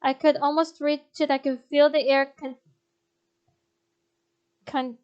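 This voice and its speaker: A young woman reading a visual novel aloud as a game streamer, expressive, with blunt swearing asides. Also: high-pitched, slow pace, dull audio.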